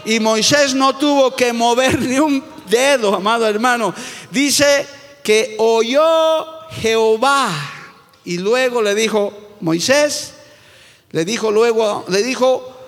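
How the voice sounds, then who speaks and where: High-voiced Bolivian pastor preaching emphatically. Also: male voice, takes it slowly, fairly bright tone, big-room sound. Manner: emphatic preaching, constantly calls listeners "brother". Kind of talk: sermon.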